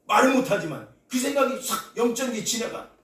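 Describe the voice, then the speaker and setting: A man preaching a Sunday sermon as the pastor, telling a story dramatically, acting out the people he quotes and rising into shouts at the peaks. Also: very high voice, lively intonation, fairly quick. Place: church sanctuary. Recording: echoey hall, voice from a distance.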